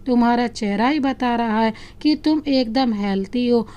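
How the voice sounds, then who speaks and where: During a storybook reading, a woman voices a loving, playful young husband who teases his wife affectionately. Her voice is on the high side, mellow and close to everyday speech, at a moderate pace with dull audio.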